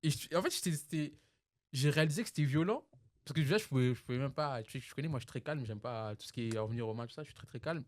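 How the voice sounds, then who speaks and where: A man's voice: medium pitch, very fast. A man from Congo, a podcast guest in casual chat, telling personal stories in a reflective way with many restarts.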